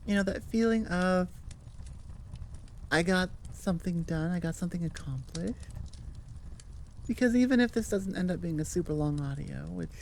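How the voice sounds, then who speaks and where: Seated at a computer microphone and recording into audio software, a woman hosts her audio channel's outro in a casual, rambling way. Her voice is lowish, gravelly and darkish, at normal speed with frequent pauses, as she pokes fun at herself and drifts into tangents. A little hiss or hum is present.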